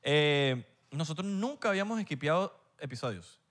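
Un hombre con acento venezolano que conduce un pódcast en charla casual, en tono juguetón y burlón. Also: male voice, fairly high pitch, expressive, moderate pace, fairly bright tone. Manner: playful, teasing, dramatizes on purpose. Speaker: podcast host. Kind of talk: casual podcast chat.

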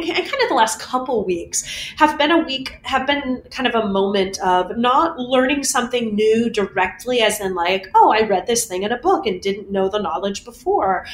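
A woman voice teacher answering interview questions in a casual, animated way, laughing often and poking fun at herself. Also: on the high side, slight background noise. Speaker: voice teacher guest.

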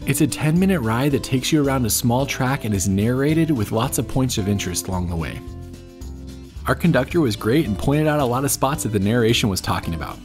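Walking outdoors in the desert, a travel vlogger in his thirties films himself with the camera at arm's length, narrating in an upbeat, informative way and laughing easily. His medium-pitched voice is brisk with lively intonation, and soft music plays quietly in the background.

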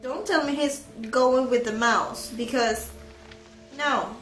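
A woman's voice: high-pitched, slow, a bit bright, roomy sound, soft background music. A woman in her twenties giving casual, emotional reaction commentary with lots of exclamations. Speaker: reaction video host. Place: small bedroom, indoors.

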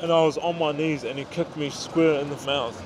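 A man's voice: a little high, steady tone, normal speed. A young man chatting casually as a patient out on the street. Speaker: patient after a brawl. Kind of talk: casual chat. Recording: noisy street with vehicles. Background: street, vehicles.

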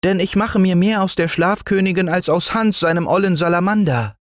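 A man's voice: sits high, brisk, no echo, clean studio sound, voice pushed up, close to an everyday voice. A man voicing a stubborn, curious young boy in a bedtime storybook. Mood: eager. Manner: defiant, eager. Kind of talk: storybook reading.

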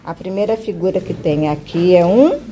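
A woman's voice: on the low side, expressive, normal speed, noisy background. A woman teacher guiding a child through a reading lesson, patiently coaxing and stretching out syllables. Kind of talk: one-on-one literacy lesson.

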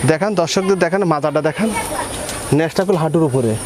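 A man's voice: fairly high pitch, fast. A middle-aged man from Bangladesh, a dairy farmer, talking eagerly and repeating himself as he shows his calves outdoors on a lapel mic. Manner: eager, repetitive, stumbles over words. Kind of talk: casual sales talk. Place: outdoors at a farm. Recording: outdoor noise behind.

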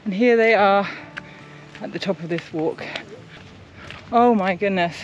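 A middle-aged New Zealand woman, a sailing vlogger, chats warmly to a handheld camera held at arm's length as she hikes a forest trail, pointing things out along the way. Her voice is mid-range and unhurried in this casual narration. The recording is muffled, with background noise.

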